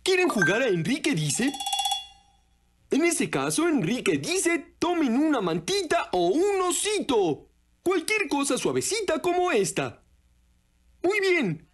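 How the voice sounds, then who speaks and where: Enrique, a woman voicing a high bouncy puppet boy. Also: very animated, slow pace, full character voice. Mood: playful. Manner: bouncy, coaxing, talks to viewers. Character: cheerful playful puppet boy leading games. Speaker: dubbed puppet character. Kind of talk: children's TV dub.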